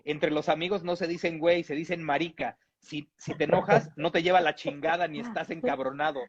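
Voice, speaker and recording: A man's voice: fairly high pitch, fairly even intonation, brisk, slightly rough. A man from Mexico reading a humorous text aloud in a playful, amused way, with chuckles now and then. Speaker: reader. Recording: dull lo-fi audio.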